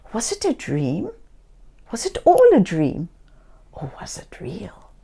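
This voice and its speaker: Reading a picture book to young kids, a woman with a slightly high voice performs it theatrically, shifting into whispers and exclamations and softly quizzing her audience. She's a children's storybook reader.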